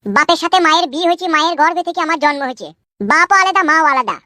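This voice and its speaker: A woman's voice: very high-pitched, expressive, very fast, pushed and bright, dry recording, studio quality, full character voice. A woman voicing an uneducated young man who earnestly rambles about the meaning of life in a comedy cartoon.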